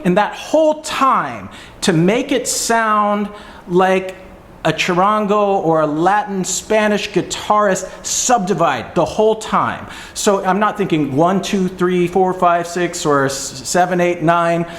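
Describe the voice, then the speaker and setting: A man teaching viola technique, explaining and demonstrating passages in a relaxed, pausing way. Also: high-pitched. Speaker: music teacher. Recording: roomy echo, faint music.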